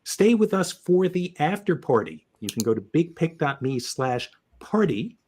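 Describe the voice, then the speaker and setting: A man's voice: on the high side, sing-song, measured pace, darkish tone, slightly rough. A man hosting a live data visualization webcast, upbeat and joking as he introduces his co-hosts and guests. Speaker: podcast host.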